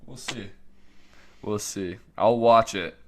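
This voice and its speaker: A man from Canada co-hosting a podcast, chatting casually and analytically about fight results, often trailing off softly. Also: fairly low pitch, takes it slowly. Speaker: podcast co-host. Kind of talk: casual sports chat.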